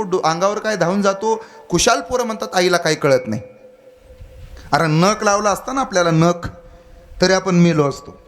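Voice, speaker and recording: A man's voice: high-pitched, fairly bright tone. A man preaching a devotional kirtan sermon, earnest and exhorting, telling folksy stories to the crowd.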